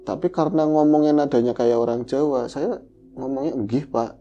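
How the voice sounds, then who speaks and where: A man with a very dark, mellow voice tells a personal ghost story as a podcast guest. He talks loosely and conversationally, scattering fillers through his lively storytelling. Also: medium pitch, fairly quick, muffled recording, soft background music. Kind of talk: recounting a ghost story in casual chat.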